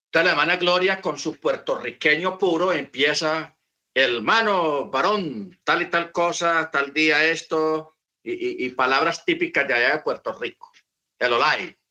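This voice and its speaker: A man's voice: fairly high pitch, pushed and bright. A man teaching about the Bible in an unscripted talk, repeating his points and asking rhetorical questions.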